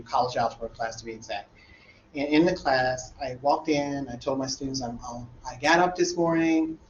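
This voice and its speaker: A man who teaches college algebra, telling an animated classroom story in a discussion group and acting out the dialogue. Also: on the high side. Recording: roomy, dull sound with faint room noise.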